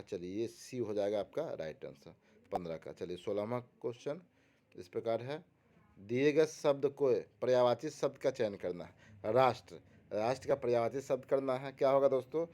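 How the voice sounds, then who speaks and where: Guy tutoring through exam mcqs, mellow low-key voice, keeps repeating answers and quizzing listeners. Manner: repetitive, asks the audience rhetorical questions. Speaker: exam prep teacher. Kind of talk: explaining quiz answers.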